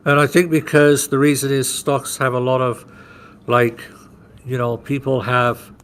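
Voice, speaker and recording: A man's voice: medium pitch, measured pace, slight background noise. A man hosting a trading podcast, explaining chart moves in casual chat and checking in often with "right?". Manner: walks through chart moves conversationally, with frequent "right?" checks; animated storyteller who acts out market scenarios.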